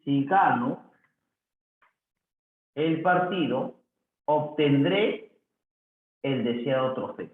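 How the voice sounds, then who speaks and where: A man teaching a grammar review lesson, slowly reading answers aloud and repeating them for the student. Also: medium pitch. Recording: echoey, phone-like lo-fi audio.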